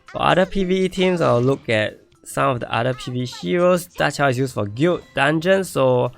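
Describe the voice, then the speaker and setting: This gravelly, medium-pitched male voice moves at a moderate pace over faint background music. He's losing his voice while streaming a game, reviewing viewers' accounts, thinking aloud and repeating himself in a casual live-stream style.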